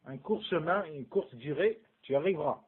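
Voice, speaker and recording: A man's voice: on the high side, lively intonation, normal speed, breathy edge. A man giving a casual religious lesson, asking his students rhetorical questions and mixing in Arabic terms. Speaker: Islamic studies teacher. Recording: phone-like narrow band.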